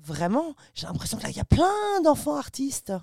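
A woman's voice: sits high, wildly swooping pitch, a little fast, vocal fry, a little mellow, dry recording, studio quality. A woman hosting an interview, chatting casually and asking leading questions. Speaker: podcast host.

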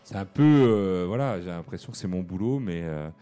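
Man, low voice, radio co-host, casual rambling talk. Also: lively intonation, normal speed, warm tone, smooth. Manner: rambling, loose sentences.

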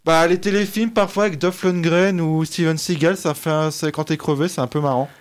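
A young man in his twenties, a film critic tearing into a film with animated, scathing remarks. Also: on the high side, brisk. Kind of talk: casual film review chat.

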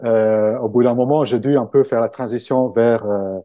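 Appearing as a guest in a casual interview, a book-summary creator from Italy speaks Italian-accented French hesitantly, with many fillers and restarts. His mellow, dark, mid-range voice is captured close and dry with no room echo, though the recording sounds muffled.

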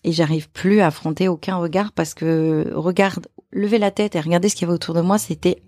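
A woman, an actress and author, telling a personal story as a podcast guest, halting and repeating her phrases. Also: lowish voice, steady tone, a little mellow, dry recording, clean studio sound.

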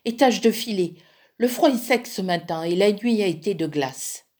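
A woman voicing a bossy, furious old stepmother who scolds and shouts. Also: medium pitch, lively intonation, moderate pace, natural voice.

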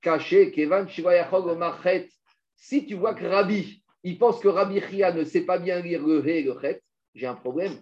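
A man teaching a Talmud study class, explaining with lively energy and weaving in quoted Hebrew and Aramaic phrases. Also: high voice, normal speed. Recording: muffled lo-fi recording.

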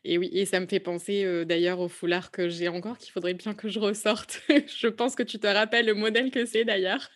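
A woman hosts a podcast, interviewing a guest in a conversational style, speaking informally and feeling her way through her questions. Her mid-range voice is steady and brisk.

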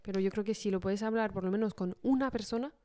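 A woman recounts a personal story on a podcast. She has a mellow, smooth voice and a casual, halting delivery. She often pauses and restarts with fillers. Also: mid-range voice. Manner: hesitant, many fillers and restarts. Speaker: podcast co-host.

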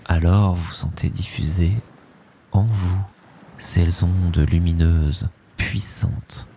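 A little hiss or hum sits under this sleep meditation, where a man with a low, gravelly, level voice speaks softly and soothingly. He drifts in short, very unhurried phrases, often dropping to a breathy whisper.

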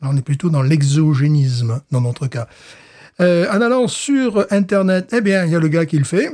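A man's voice: a little high, normal speed, darkish tone. A man co-hosting a casual podcast, presenting a drink in a rambling, hesitant way, often laughing and repeating himself. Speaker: podcast co-host presenting a beer. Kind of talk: casual chat.

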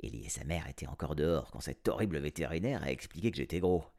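A man narrating an audiobook in a playful, expressive first-person style. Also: extremely low pitch, fast talker, vocal fry. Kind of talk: audiobook storytelling.

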